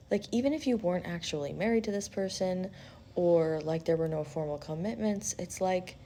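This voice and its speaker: Against slight background noise, a woman with a mellow, lowish voice hosts a relaxed spiritual reading. She's a tarot-style reader who talks bluntly and swears freely, acting out quotes with energy as she offers chatty, intuitive advice.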